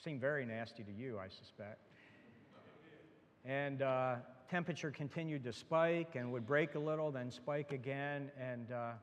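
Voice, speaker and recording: A male pastor preaching in a mid-pitched voice, earnest and plain-spoken, lifting his voice on the phrases he wants to land. He drops into casual asides to his congregation between passages. The sound carries the long reverb of a church sanctuary. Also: moderate pace. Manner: earnest preaching, rising emphatic on key phrases. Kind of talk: sermon.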